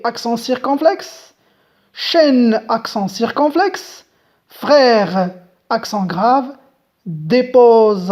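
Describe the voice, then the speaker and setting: A woman with a slightly high, darkish voice teaches a French grammar lesson slowly and deliberately. She patiently spells out letters and speaks directly to the viewers.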